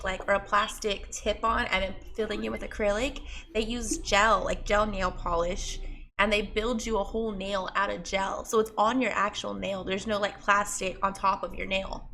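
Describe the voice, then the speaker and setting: Relaxed young woman podcast co-host. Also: mid-range voice, normal speed, gravelly, a little hiss or hum. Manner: relaxed, explains things plainly with hedges. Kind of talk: casual chat.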